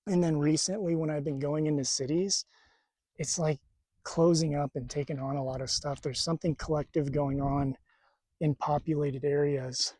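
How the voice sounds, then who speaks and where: A man talking casually to camera at a desert campsite, halting and stuttering, with a tight, strained throat. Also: on the high side, fairly even intonation, darkish tone, dry recording. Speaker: spiritual vlogger.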